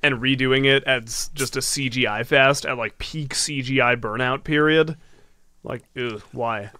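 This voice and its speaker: A man with a bright, crisp, smooth voice co-hosts a film podcast, talking loosely with frequent "like" fillers. The sound is dry and close to the mic. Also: medium pitch, fairly even intonation, moderate pace, no room sound. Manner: fluent, many "like" fillers. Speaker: podcast co-host. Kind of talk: casual film chat.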